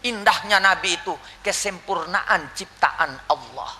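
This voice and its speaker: A man preaching a sermon, telling the story with lively acted voices and laughter. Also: high voice, a little slow, a little hiss or hum. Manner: animated storytelling, acting out quoted voices with laughter.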